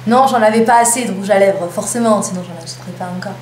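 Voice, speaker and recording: Fast-talking, medium-pitched and darkish in tone, a young woman casually chats through her lipstick haul, adding playful jokes at her own expense. She's a beauty vlogger recorded in an echoey room with a faint hum.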